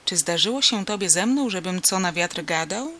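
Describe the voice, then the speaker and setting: A reader voices an earnest village healer, a man who presses his case insistently and persuasively. The voice is bright and forward. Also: mid-range voice, expressive, normal speed.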